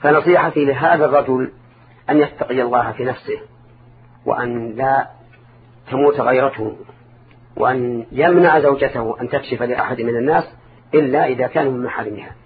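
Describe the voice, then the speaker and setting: A man's voice: medium pitch, brisk. An older man giving religious counsel in formal Arabic as a scholar, didactic, repeating and rephrasing for emphasis. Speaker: Islamic scholar answering listeners' questions. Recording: narrow phone-like band, clear background noise.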